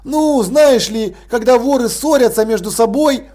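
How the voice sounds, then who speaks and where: A man voicing a calm and very polite male watch officer, speaking courteously. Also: very high voice, measured pace, voice pushed up.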